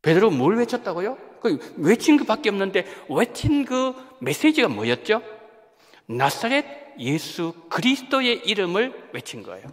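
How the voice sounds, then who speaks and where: Man, senior pastor, sermon, lively swinging pitch, long church reverb. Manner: animated preaching, acting out quoted voices and asking the congregation questions. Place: church sanctuary.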